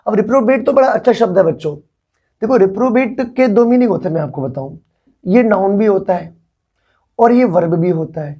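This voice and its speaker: Mellow-voiced male vocabulary teacher. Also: high voice, moderate pace, breathy edge. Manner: explains patiently, repeats words, often asks the class if they follow. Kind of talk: classroom vocabulary lesson.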